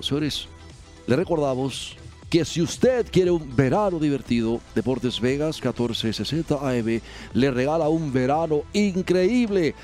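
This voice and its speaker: A man's voice: medium pitch, a little mellow. Man anchoring sports radio. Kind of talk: sports news presenting and promos.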